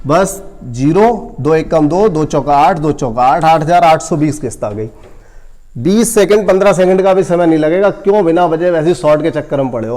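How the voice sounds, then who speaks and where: A man teaching a coaching class in math, working sums aloud step by step and talking straight to his students. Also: on the high side. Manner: addresses students directly, gently scolding.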